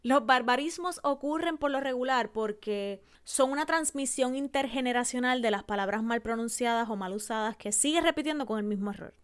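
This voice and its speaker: A Puerto Rican woman hosting a solo podcast on public speaking, teaching carefully and slowing down to spell out examples. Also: on the high side, clear, resonant tone. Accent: Puerto Rican Spanish. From Puerto Rico. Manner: didactic, slows to spell out examples. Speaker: podcast host.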